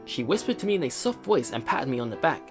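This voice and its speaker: Over game music, a let's play host reads the game's text aloud expressively and adds casual commentary. His medium-pitched voice is sing-song and quick.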